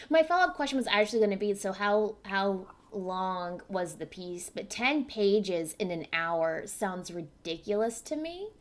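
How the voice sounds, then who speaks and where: A woman's voice: medium pitch, animated, a little slow. A young woman hosting a casual interview over a video call, informal and encouraging with her guest. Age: young adult. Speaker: interviewer, host. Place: indoors before a cloth backdrop. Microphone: computer mic on a video call.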